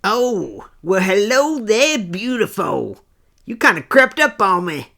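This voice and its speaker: A performer doing a smug lothario in a comic toy skit. The voice is suave and openly flirtatious, drawling out its come-ons in a middling pitch. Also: big pitch swings, slow pace, creaky, sharp tone, heavily acted. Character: Boss Daddy, a smug flirtatious lothario character. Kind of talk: scripted comedic toy skit.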